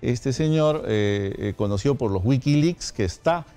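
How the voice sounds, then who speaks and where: A man, a studio guest explaining legal points in measured answers with frequent hesitations. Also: mid-range voice, lively intonation, warm tone, smooth. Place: radio studio.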